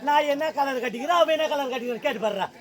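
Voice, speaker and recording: A man's voice: extremely high pitch, rapid-fire. A man acting a haughty, bossy queen who scolds and barks orders on an open-air village stage. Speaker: stage actor. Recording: loud crowd, outdoor stage mics.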